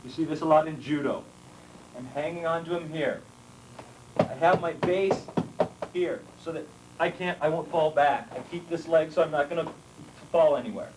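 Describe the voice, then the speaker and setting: A man's voice: on the high side, normal speed, long pauses. Man teaching armlocks on a worn VHS tape. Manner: calm, step-by-step explaining while demonstrating. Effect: worn VHS tape copy. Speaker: martial arts instructor. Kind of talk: instructional demonstration. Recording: faint hiss, roomy, voice from far off the camera mic on old tape.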